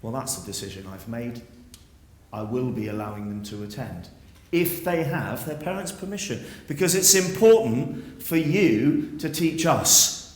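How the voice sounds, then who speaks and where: Earnest headmaster in an echoey hall. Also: male voice, mid-range voice, lively intonation, measured pace, darkish tone. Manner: earnest, persuasive, rhetorical questions. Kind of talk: school assembly speech. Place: school hall.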